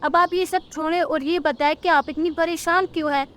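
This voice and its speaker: A woman's voice: very high-pitched, fairly even intonation, normal speed, fairly bright tone, pitched above the performer's own voice. A woman voicing a young, spirited schoolgirl bird in a cartoon. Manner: indignant, bold retorts.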